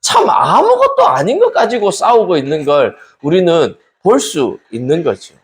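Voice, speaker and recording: A man leads a midweek Bible study as a pastor, preaching and turning often to his listeners with questions. His voice sits high and swings widely in pitch, rising and falling with emphasis. He sounds animated and engaged as he addresses the congregation. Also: normal speed.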